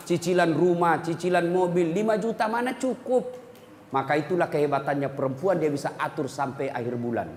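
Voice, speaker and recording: A man giving a humorous sermon, joking and acting out what husbands and wives say. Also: on the high side. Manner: jokey, acts out quoted couples' talk. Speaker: preacher. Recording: echoey hall with background noise.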